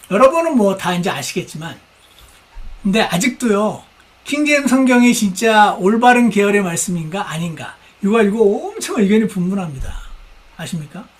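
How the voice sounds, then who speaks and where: A man with a high-pitched voice preaches a sermon from the pulpit of a church. He is animated and dramatic, dropping into hushed asides and acting out the voices of the people he tells about. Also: normal speed. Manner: animated, acts out quoted speakers, mimics shouting. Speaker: pastor.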